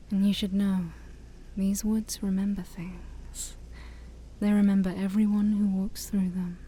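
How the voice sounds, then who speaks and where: In a soft-spoken ASMR roleplay, a woman voices a shy yet haughty ancient demon princess, breathy and often close to a whisper, speaking in formal, theatrical phrasing broken by awkward hesitations. Her mid-range voice sounds natural, fond and teasing, with slight background noise.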